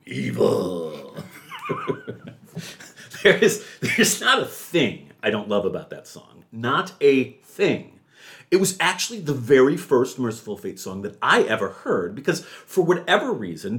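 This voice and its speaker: A man hosting a music podcast, talking with theatrical enthusiasm and jumping into high excited yelps. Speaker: podcast host.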